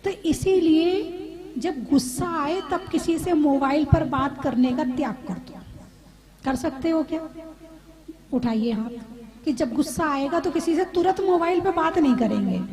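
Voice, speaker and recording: High-voiced woman preaching a sermon. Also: unhurried, dark tone. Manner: repetitive, asks the audience questions. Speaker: Jain preacher. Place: live gathering with seated audience.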